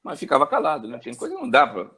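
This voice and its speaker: A sports journalist in his forties from Brazil, telling his story in an interview with animated swings in pitch. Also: racing, breathy edge. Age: 40s.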